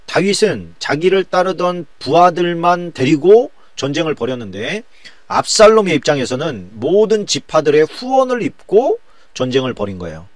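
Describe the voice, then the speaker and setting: A man's voice: on the high side, no echo. A male pastor teaching a Bible study lecture in a colloquial way, full of rhetorical questions.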